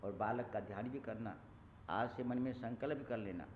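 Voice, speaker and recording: A male preacher giving a Ram Katha sermon, telling a story and chanting verses slowly in a melodic style. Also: medium pitch, a little hiss or hum. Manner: slow sung recitation of verses, storytelling with acted quotes. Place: temple hall. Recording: echoey hall over a tinny lo-fi line.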